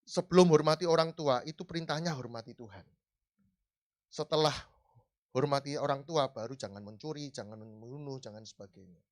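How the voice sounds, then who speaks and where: A man preaching a sermon in a church hall, conversational and lively, rising in emphasis. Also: medium pitch, fairly quick.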